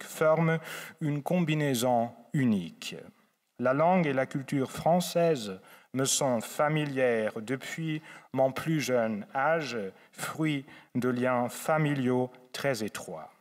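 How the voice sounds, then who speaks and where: A man from Saarland speaks with a German accent, delivering a formal academic lecture in a measured, courteous way. His pace is unhurried and his pitch sits mid-range. The hall adds a long reverb around his voice. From Saarland, Germany, on the French border. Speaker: guest lecturer, theologian. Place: large lecture hall at a faculty.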